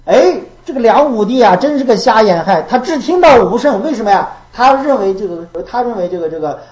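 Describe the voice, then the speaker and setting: A woman's voice: on the high side, expressive, fairly quick, darkish tone, echoey room, poor audio. A woman giving a Buddhist dharma talk. She repeats her phrases and asks rhetorical questions. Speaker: Buddhist teacher.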